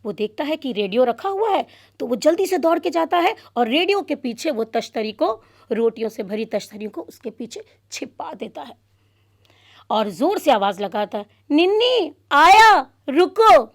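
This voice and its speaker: A woman narrating a children's story expressively, pausing to explain words. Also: a little high, lively intonation, darkish tone. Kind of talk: storytelling demonstration for teachers.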